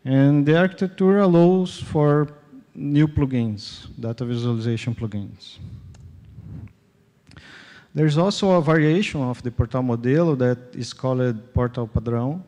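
A young man with a Brazilian Portuguese accent presents at a tech conference, speaking English slowly. His tone is mellow and he keeps stopping to restart sentences with plenty of "uh". The sound carries a long reverb from a large hall. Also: medium pitch. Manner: halting, many fillers and restarts. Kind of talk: tech conference talk with live demo.

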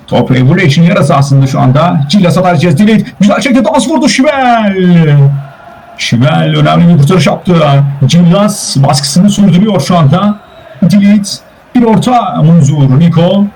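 Excitable male esports play-by-play caller. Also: a little high, slightly rough, low-quality recording. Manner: rapid name-calling, rising to shouts at goals. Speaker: play-by-play commentator. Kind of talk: live esports commentary.

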